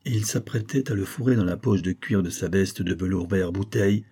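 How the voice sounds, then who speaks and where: Husky, mellow man reading a novel. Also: low-pitched, a little fast. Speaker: audiobook narrator. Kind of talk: scripted narration of a classic novel.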